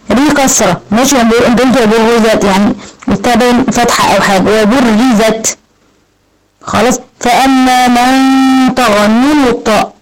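An Egyptian woman teaching Quran recitation, giving quick, encouraging corrections and slowly drawing out example words. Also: a little high, rough recording. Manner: quick, encouraging corrections with slow drawn-out demonstrations. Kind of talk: online recitation lesson, correcting a student.

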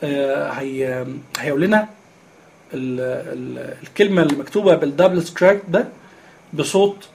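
A man's voice: a little high, normal speed, creaky, a little mellow. A man with an Egyptian Arabic accent explaining a screen reader step by step, with many filler sounds. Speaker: instructor.

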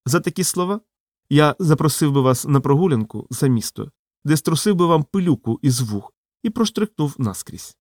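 A man's voice: a little high, moderate pace, dry recording, clean studio sound. A man doing an icy old inquisitor. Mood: menacing. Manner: cold, flat, disdainful. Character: cold haughty old male former inquisitor. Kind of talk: audiobook character voice.

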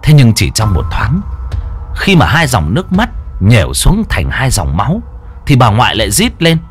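A man narrating a dramatic horror audiobook in an expressive storytelling manner. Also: mid-range voice, moderate pace, breathy edge, soft background music.

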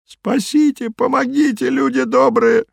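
Brief: a shrieking, whiny stranger begging for rescue, high-pitched and dry. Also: male voice, monotone, extremely slow, gravelly, dark tone, no echo, heavily acted. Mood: desperate wailing. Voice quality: shrill, whining. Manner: wailing, pleading old-fashioned cries for help. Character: panicked stranger drowning in mud, pleading archaically.

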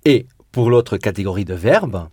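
Teaching Spanish through French, a man with a fairly low, dark voice works patiently through conjugation drills on verb endings, echoing back what students say. His delivery is animated and normal in speed, and the clean studio audio has no echo.

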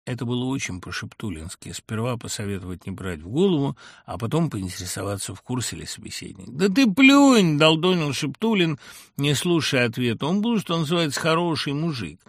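A man narrating a literary audiobook in an expressive, ironic way, hitting words with sudden emphasis. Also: mid-range voice, fast, few pauses, breathy edge, no room sound, clean studio sound. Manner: expressive, ironic reading with sharp emphatic jumps.

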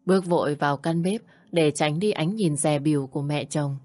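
A woman's voice: deep voice, normal speed, warm tone. A woman narrating a first-person audio story in a plain, sorrowful way.

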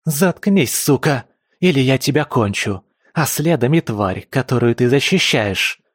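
A man's voice: medium pitch, a little slow, darkish tone, no echo, clean studio sound, lightly acted. A man voicing a vengeful female beast-woman assassin who growls her threats in an audiobook. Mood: menacing. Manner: growling, menacing.

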